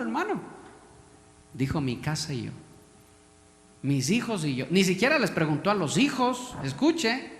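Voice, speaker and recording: A male pastor with an Ecuadorian accent delivers a sermon in a high, ringing voice. He presses his listeners with questions and keeps calling them brother. The room is a big hall with a long, echoing reverb. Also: a bit bright. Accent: Ecuadorian Spanish. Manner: preachy, repeatedly addresses listeners as brother.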